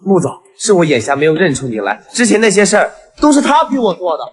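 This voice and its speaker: A man's voice: high-pitched, big pitch swings, fast. An actor playing a fawning, bullying male supervisor in a short web drama.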